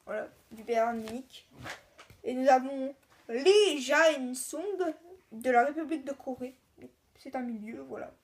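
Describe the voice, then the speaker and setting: Woman, high voice, casual unboxing chat, halting, name-by-name listing. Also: slight background noise. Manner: halting, chatty, lists names one by one. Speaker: video host. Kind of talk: casual card-unboxing commentary.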